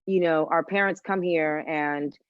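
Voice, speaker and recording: Woman, guest chef, chatty storyteller, slightly low voice, muffled lo-fi recording. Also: fairly even intonation, measured pace, clean tone, dry recording. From Washington, D.C., United States. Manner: chatty storyteller, drops in Spanish phrases. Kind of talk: casual interview conversation.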